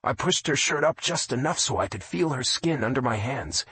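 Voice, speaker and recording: A man narrating a romance audiobook in a low, intimate first-person reading. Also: lively intonation, moderate pace, a bit bright, slight background noise.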